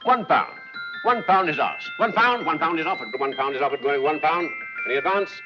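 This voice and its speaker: Casting: male actor as hustling auctioneer, higher-pitched and very lively, theatrical patter, vintage film. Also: a little fast, lightly acted. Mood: cajoling. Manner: theatrical sales patter, repetitive calls. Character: chatty, wheedling London auctioneer, male, hustling salesman. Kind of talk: 1940s film acting. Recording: muffled 1940s film soundtrack, music behind.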